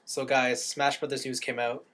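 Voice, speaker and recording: A man's voice: medium pitch, flat delivery, normal speed, a bit bright. A man co-hosting a podcast, chatting casually and animatedly as he leads the segments. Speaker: podcast co-host. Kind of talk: casual chat.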